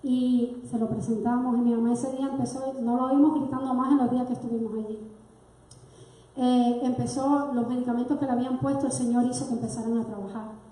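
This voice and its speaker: A woman's voice: fairly high pitch, steady tone, brisk, mellow. A woman, giving an earnest, emotional personal testimony to her church congregation. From Cuba. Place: church sanctuary. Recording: very echoey church hall.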